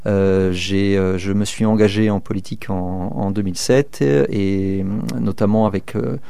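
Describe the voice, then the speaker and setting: A man's voice: fairly low pitch, fairly even intonation, unhurried, creaky, warm tone, clean tone, dry recording. A man in his thirties from northern France, a local election candidate answering interview questions hesitantly, with many fillers and restarts. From southern Manche, France. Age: 30s.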